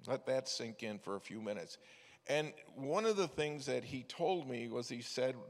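An older man, a preacher and former missions director, delivers a sermon full of folksy stories and frequent restarts. His mid-range voice is expressive and moves at a normal speed, echoing through a hall with long reverb.

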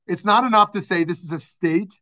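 Over dull, low-fidelity video call audio, a male rabbi leads a class in a high-pitched, brisk, sharp voice. He keeps things conversational, questioning the group and laughing frequently.

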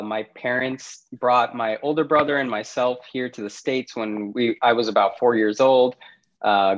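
Here a startup CEO from Pakistan talks as a podcast guest at medium pitch, the highs of the audio cut off. The interview is relaxed, and he keeps breaking into laughter as he goes.

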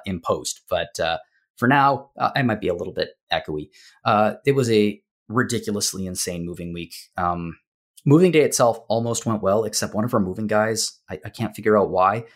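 Male podcast host, lowish voice, loose rambling delivery; recorded in a bare, echoey room. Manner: rambling, self-deprecating, filler-heavy. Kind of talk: casual podcast chat. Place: empty new home office, bare walls.

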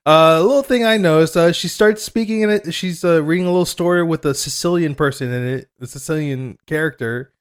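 A man recapping a TV episode on a podcast, slightly higher-pitched than most men. He rambles, swears casually, and laughs his way through the story. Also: a little fast, hardly any pauses, clear, resonant tone. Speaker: podcast host. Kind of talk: casual chat recapping a TV show.

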